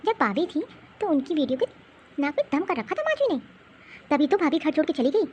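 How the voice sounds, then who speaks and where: A woman's voice: high-pitched, big pitch swings, a little fast, a little mellow, dull audio. Woman doing a caring mom voice, cartoon story, bit of noise. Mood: worried. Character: caring young mother, worried.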